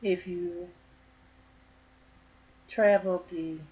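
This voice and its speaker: A woman's voice: lowish voice, steady tone, extremely slow. Woman, crochet vlogger, casual chat to camera, folksy, joking, slightly dull lo-fi recording. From northern Michigan.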